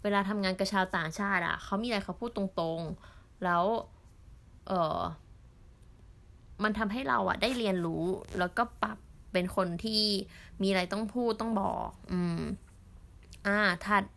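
A young woman from Thailand, an au pair, telling stories in a chatty vlog with many fillers and pauses. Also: mid-range voice, a bit bright. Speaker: au pair vlogger. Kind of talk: casual storytelling vlog.

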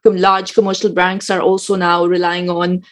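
A woman's voice: fairly low pitch, level tone, normal speed. A woman hosting an interview, asking curious, enthusiastic questions.

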